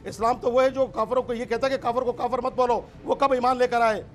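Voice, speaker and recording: Middle aged guy ranting on a tv debate, super high voice, keeps interrupting. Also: flat delivery, fast, soft background music. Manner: angry, interrupting, rhetorical repeated questions. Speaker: political party guest. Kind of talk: heated televised political debate.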